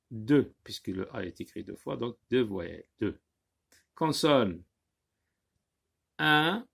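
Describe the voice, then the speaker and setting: A man teaching a spelling lesson for children, slowly and patiently naming letters one by one. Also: mid-range voice, gravelly, husky.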